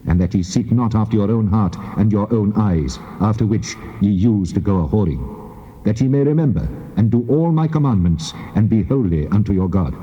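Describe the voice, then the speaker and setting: An actor playing a stern, commanding God in a solemn, measured scripture dramatization. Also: male voice, lowish voice, natural voice. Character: God, stern commanding Lord giving law to Moses. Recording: muffled, long cavernous reverb.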